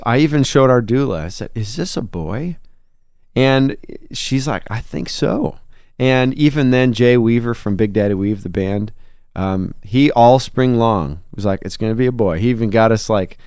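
A man's voice: mid-range voice, moderate pace, darkish tone, smooth, no echo, studio quality. A man, a songwriter and musician, in a conversational interview, telling a personal story in an earnest, reflective way. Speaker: guest.

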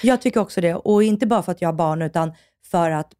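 Low-voiced Swedish woman, relaxed co-host. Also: no echo, clean studio sound. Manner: agreeing with frequent "mm", frank opinions, some swearing. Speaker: podcast co-host. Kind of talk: casual chat.

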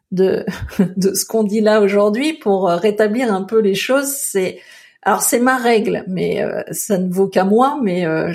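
A woman's voice: mid-range voice, a little mellow. A woman from France with a French accent, chatting as co-host, thoughtful and full of hesitations. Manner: thoughtful, hesitant with many fillers. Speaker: podcast co-host. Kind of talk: casual conversation.

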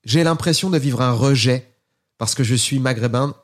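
A man's voice: mid-range voice, moderate pace. A French man in a candid conversation, talking in an earnest way, hesitant at first and growing heated. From France.

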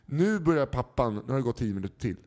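A man in casual chat, telling a story and acting out the people in it with changing voices. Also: medium pitch. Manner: animated anecdote teller, acts out quoted people.

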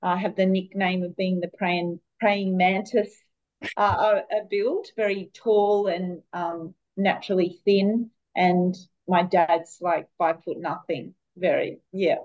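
A woman's voice: lowish voice, slow, dull audio. Australian woman in her fifties, chatting. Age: 50s. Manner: relaxed storytelling with fillers. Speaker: podcast guest. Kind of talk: casual interview chat.

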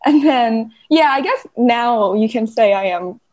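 Young female guest from Vietnam, slightly high pitch, relaxed conversational read. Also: measured pace, lo-fi sound. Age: young adult. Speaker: guest, climate journalist. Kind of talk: casual interview chat.

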